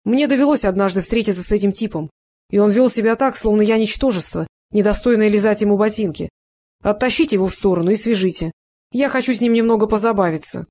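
A woman's voice: mid-range voice, quick pace, mellow, natural voice. A woman reading an audiobook, voicing a cunning male gang leader in a mocking, strained tone raised above her own. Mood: menacing.

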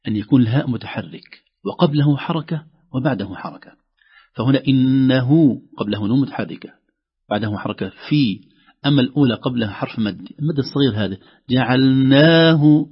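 Man, Quran recitation teacher, radio lesson, patient step-by-step explaining, husky, muffled lo-fi audio. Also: medium pitch, animated, fast. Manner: explains step by step and drags out sounds to demonstrate.

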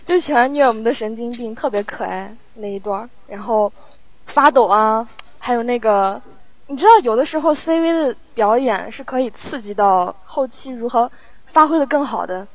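A woman who edits sound for audio drama post-production chats casually and playfully, thinking aloud. She has a fairly high-pitched voice at normal speed, and the audio quality is poor.

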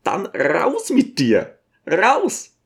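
A man's voice: medium pitch, lively intonation, slow pace. A man voicing a pushy, scheming male guest who talks brusquely and insistently.

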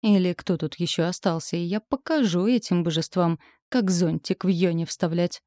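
A woman voicing a teasing, gruff young husband in an audiobook, lightly acted. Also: on the low side, normal speed, warm tone, dry recording, clean studio sound, lightly acted. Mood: joking. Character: grumbling joking young husband, a man.

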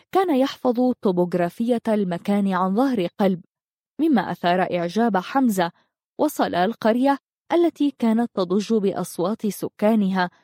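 A woman narrating an audiobook in a calm, measured way. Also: mid-range voice, no room sound, studio quality.

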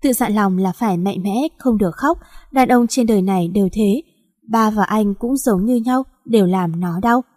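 Woman reading a sad love story, mellow dark voice, long hall reverb. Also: mid-range voice, moderate pace. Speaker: story narrator. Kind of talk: scripted narration of a romance story.

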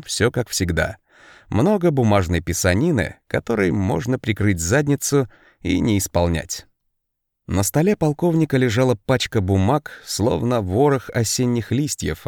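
A male audiobook narrator with a low voice and animated, swinging intonation. He tells the story expressively in scripted narration. The recording is dry, with no room sound. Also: no room sound.

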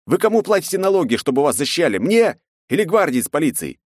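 A man voicing an angry young male hero who shouts down a hostile crowd with sarcasm. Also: on the high side, very animated, fast talker, no echo, clean studio sound, voice pushed up. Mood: furious.

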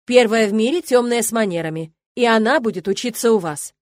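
A man's voice: sits high, a little fast, no room sound, close to an everyday voice. A woman reader voicing a cocky, smug young male noble mage, with an ironic, self-assured manner, recorded dry and close. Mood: smug confident.

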